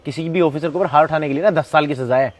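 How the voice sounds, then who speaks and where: A man's voice: on the high side, quick pace, lightly acted. A man playing a protective adult son scolding his ex-girlfriend in a short acted skit. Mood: stern. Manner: indignant, scolding.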